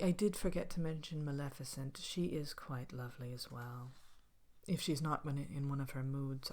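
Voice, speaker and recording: A woman playing a vain, haughty evil queen in an ASMR fairy-tale roleplay, speaking softly with languid, droll, hesitant pauses and some whispering. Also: very deep voice. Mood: gossipy, droll.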